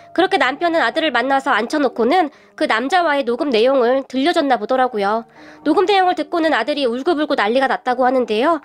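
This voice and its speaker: A middle-aged woman narrating a personal radio story in the first person. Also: high-pitched.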